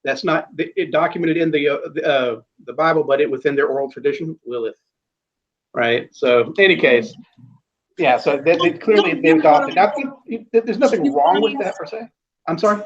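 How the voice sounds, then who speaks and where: A man's voice: fairly high pitch, normal speed. A man talking in a casual conversation, rambling with many restarts and fillers and blunt, casual swearing. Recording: dull lo-fi audio.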